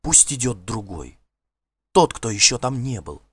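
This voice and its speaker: A man reading an audiobook voices a dazed woman seer who has just come out of a trance, speaking slowly and haltingly in a breathy, distant way. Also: medium pitch, sing-song, no room sound. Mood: eerie, dazed. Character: trance-dazed seeress woman, eerie, cryptic.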